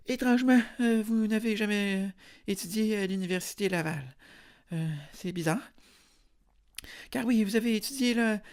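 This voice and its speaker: A man's voice: high voice, clear, resonant tone. A young man with a Quebec French accent talks alone as a podcast host. He plays it as a dry mock interview, rambling along and stumbling over hesitations as he goes. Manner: deadpan, rambling, full of hesitations.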